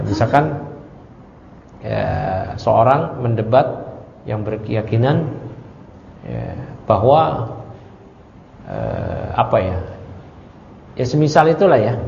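A man's voice: medium pitch, creaky, a little mellow. A male religious teacher giving a lecture. He recites Arabic passages, explains them in casual speech and keeps asking whether listeners understand. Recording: echoey hall, dull lo-fi sound, faint noise.

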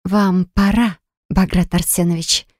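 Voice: medium pitch, fairly even intonation, a little fast, darkish tone, no echo, clean studio sound, natural voice. A narrator voicing a defiant young woman who owns a pastry shop and answers back indignantly. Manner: indignant, stubborn. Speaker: storybook character.

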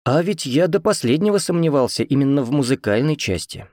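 A man's voice: a little high, animated, fairly quick, darkish tone, no room sound, studio quality, voice pushed up, lightly acted. Man reading a chatty film producer.

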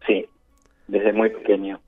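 A man with a Buenos Aires accent, a chef guest telling his story over the phone in an unhurried, reflective way. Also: fairly low pitch, completely flat delivery, slightly rough. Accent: Buenos Aires Spanish. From Argentina, Buenos Aires. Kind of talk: phone interview. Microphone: phone line. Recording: tinny phone line with faint music.

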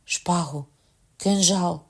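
A wounded young nobleman, played by a male reader, gasping out strained, gravelly words. His speech comes slowly and weakly, rising into fervent desperation. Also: high-pitched, pitched above the performer's own voice, heavily acted. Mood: desperate. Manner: faint, strained whisper then fervent.

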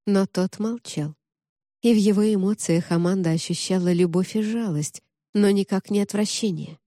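Woman reading a fantasy audiobook, measured and dramatic, dry close mic. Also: mid-range voice, warm tone, dry recording. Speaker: audiobook narrator. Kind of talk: scripted fantasy narration.

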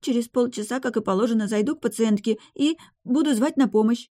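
A woman voicing a frightened young woman who pleads in a high, trembling voice. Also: fairly quick, mellow, close to an everyday voice. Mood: nervous.

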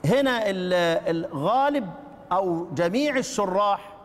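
A high-pitched man with an Egyptian accent teaches a recitation lesson, asking his listeners question after question. He chants lines of verse slowly between his explanations. His voice rings with a long reverberation. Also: lively intonation.

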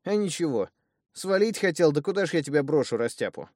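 Here is a hot-headed young male bandit in an audiobook, voiced by a man. He shouts indignantly and scolds his friend, his voice pushed high above the narrator's. The recording is dry and close. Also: lively intonation, normal speed, no room sound, natural voice. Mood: scolding. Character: blond young male bandit, brash and loud.

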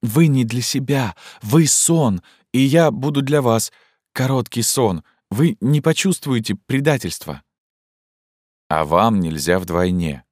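A man's voice: fairly low pitch, normal speed, no echo, clean studio sound, voice pushed up, lightly acted. A man reading an audiobook, voicing an impulsive young woman who pleads with intense, probing questions. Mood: impassioned.

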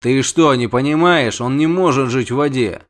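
A man voicing a weary witcher who translates for others in an audiobook, in a measured, patient manner. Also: medium pitch, lightly acted. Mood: exasperated. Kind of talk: audiobook character voice.

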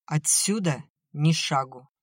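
A woman's voice: sits low, takes it slowly, slightly rough, no room sound, clean studio sound, full character voice. Woman voicing a furious scolding uncle. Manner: shouting, scolding. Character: furious, stern middle-aged uncle.

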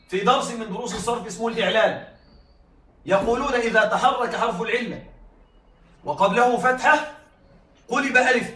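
A man's voice: very high-pitched, pushed and bright. A male teacher giving a classroom lecture, explaining step by step and often checking that his students follow. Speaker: teacher of Arabic rhetoric. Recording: echoey room, voice from far off.

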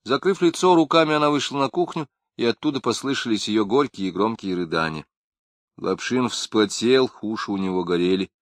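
A man narrating an audiobook in a low, measured, expressive voice. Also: no room sound, studio quality. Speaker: reader.

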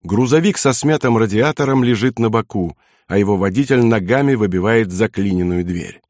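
A man's voice: fairly low pitch, normal speed, a little mellow, dry recording. Man reading an audiobook, dry sound. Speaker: audiobook narrator. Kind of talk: scripted audiobook narration.

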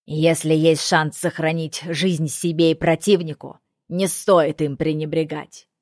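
A woman voicing an elderly, gruff male corporal who lectures in a measured, didactic way, in an audiobook. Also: sits low, steady tone, a little mellow, dry recording, studio quality, pitched below the performer's own voice.

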